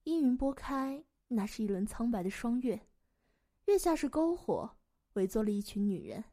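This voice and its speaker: A woman narrating a fantasy story in a gentle, even reading voice. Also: fairly high pitch, normal speed.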